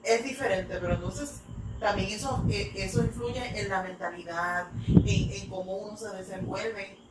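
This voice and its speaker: An English teacher and ministry speaker from New York, in the United States, tells stories in a church talk. Her mid-range voice moves at a moderate pace through rambling, filler-heavy storytelling. The recording is noisy, with an echoey room and a distant mic.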